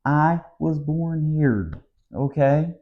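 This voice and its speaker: This Southern-accented American man from the United States vents in a tired, fed-up tone during an offhand vlog monologue. He speaks in a rather high voice and very slowly, over slightly muffled lo-fi sound.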